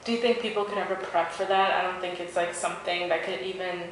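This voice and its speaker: An interviewer with a middle-pitched voice asks questions in a relaxed way and keeps nudging the guest on. The voice rings out in a very echoey room with faint background noise. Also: fast talker. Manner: encouraging, frequent "mm-hmm" backchannel. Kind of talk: casual interview.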